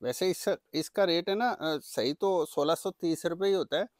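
A man presenting products for sale in an eager, repetitive teleshopping-style pitch. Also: moderate pace, no room sound, clean studio sound. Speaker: saree seller presenting products. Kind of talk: product sales demonstration.

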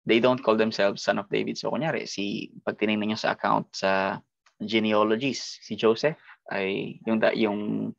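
A man's voice: on the low side, little pitch movement, a little slow, creaky, dry recording, muffled recording. A man with a Filipino accent leading an online Bible study lesson, explaining step by step and often ending phrases with a tag question. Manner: explains with frequent tag questions and mixes English into Tagalog.

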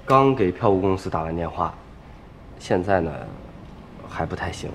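A man's voice: deep voice, animated, moderate pace, a bit bright, slight background noise. A man acting in a TV drama, speaking firmly and insistently as a music troupe organizer. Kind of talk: TV drama dialogue.

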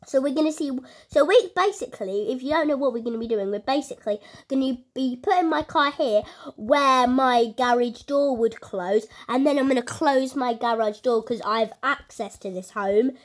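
A woman's voice: fairly high pitch, normal speed. A young woman giving casual commentary on her gameplay, chatty, with many fillers and a constant "guys". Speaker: gaming YouTuber.

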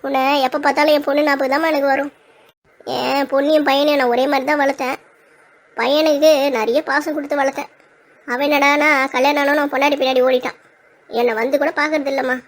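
Shrill, rapid-fire old grandmother with a scolding, threatening manner, played by a woman. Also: little pitch movement, lightly acted. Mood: plaintive. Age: older. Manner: scolding, threatening, then tearful. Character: feisty quarrelsome old grandmother. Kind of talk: comic village skit acting.

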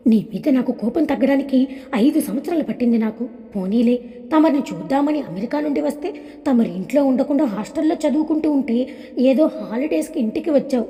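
A woman voicing a tender, lovesick young man in an audio story, reading his lines in her own high voice with an affectionate, wistful manner. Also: expressive, fairly quick, warm tone. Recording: long hall reverb.

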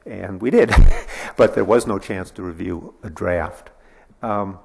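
A man speaking as an agency's executive officer, reporting at a public board meeting in a measured, halting way with frequent fillers. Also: low voice, gravelly, darkish tone, breathy edge. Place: city council chambers. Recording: echoey council chamber.

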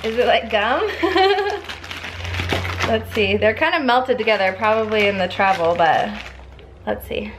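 Woman, thirties, family vlogger, giggly chatty, slightly high voice, faint noise. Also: animated, slow, fairly bright tone. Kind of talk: casual vlog chat. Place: home kitchen indoors. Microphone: handheld camera at arm's length.

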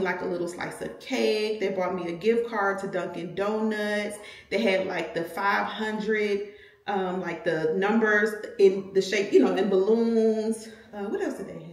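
Chatty woman in a roomy space. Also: medium pitch. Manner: chatty, animated, says "y'all" a lot. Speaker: vlogger, mother. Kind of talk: casual vlog chat. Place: home and car.

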